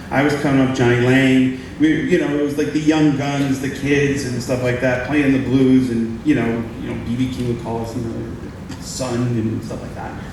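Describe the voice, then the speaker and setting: A man in his forties hosts a live onstage chat, rambling and restarting as he talks. His voice is caught from a distance in a very echoey live room. A steady noise sits behind him. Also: medium pitch. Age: 40s. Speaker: host. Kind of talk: onstage interview. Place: live event stage.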